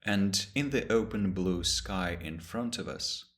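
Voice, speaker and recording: In this guided meditation, the male teacher's voice is very deep and low. Short phrases come slowly and calmly, each followed by a long pause, and the soft, steady tone never shifts.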